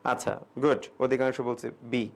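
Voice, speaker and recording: This young man speaks at a measured pace with medium pitch, vocal fry, and little pitch movement. In his online exam-prep English grammar class he explains casually in Bengali, gives English examples, and reads students' questions aloud before answering.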